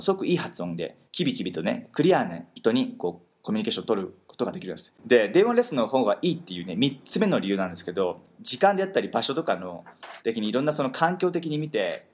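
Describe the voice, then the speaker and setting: Husky, fast-talking male host. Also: medium pitch. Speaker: host teaching pronunciation. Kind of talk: explanatory chat.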